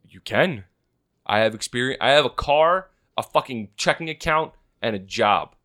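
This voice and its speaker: A man's voice: mid-range voice, expressive, normal speed, sharp tone. A man in his twenties co-hosting a podcast, teasing his friends with crude, swearing banter. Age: 20s. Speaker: podcast co-host.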